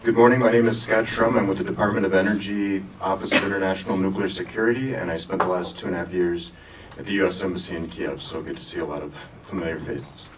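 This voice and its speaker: A government official introduces himself in a brisk, friendly way. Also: male voice, low-pitched, steady tone. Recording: distant mic with background noise.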